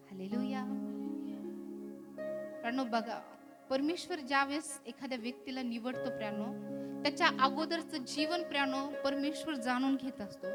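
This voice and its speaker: A middle-aged woman preacher with a Marathi accent, giving a sermon full of "hallelujah" and "beloved" refrains and swelling into loud, emphatic exhortation. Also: high-pitched. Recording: music playing behind the voice.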